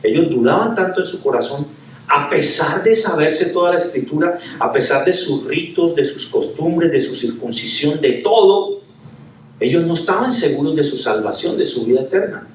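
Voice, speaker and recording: A man's voice: fairly high pitch, animated, normal speed, a little hiss or hum. A male pastor preaching a sermon, chatty and full of rhetorical questions. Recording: echoey room, from a distance.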